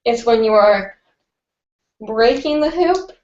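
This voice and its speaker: This young woman has a stuffy, nasal voice, fairly high with lively intonation and a darkish tone, and she talks slowly. She rambles chattily through viewers' hooping questions on a live stream, with many fillers, over lo-fi sound.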